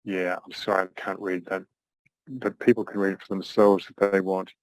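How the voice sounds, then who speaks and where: An older man teaching an online class, speaking thoughtfully with frequent pauses and restarts. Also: sits low, little pitch movement, no echo, poor audio. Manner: thoughtful, halting, many restarts. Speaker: astrology teacher.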